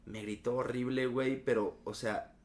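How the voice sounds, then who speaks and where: A young Mexican man telling school stories in a loose, slangy, animated way. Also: medium pitch, normal speed. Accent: Mexican Spanish. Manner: storytelling, slangy and animated, acts out quotes. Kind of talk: casual chat.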